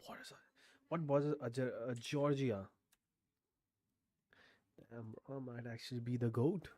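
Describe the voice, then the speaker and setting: A man's voice: medium pitch, fairly even intonation, a little slow, mellow, dry recording. A man streaming a guessing game, thinking aloud with frequent swearing and sudden bursts of disbelief. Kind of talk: casual game commentary.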